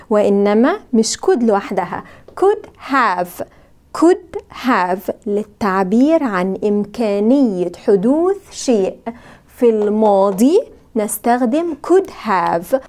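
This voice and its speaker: A woman with an Egyptian Arabic accent teaching an English grammar lesson, saying model sentences slowly so learners can repeat them. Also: a little high. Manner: lively, sing-song teaching intonation.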